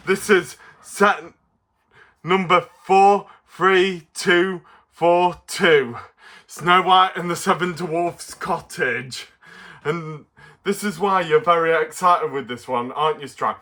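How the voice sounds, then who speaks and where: Bright, excitable man reviewing toys. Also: on the high side. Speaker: toy review YouTuber. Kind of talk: casual toy review to camera.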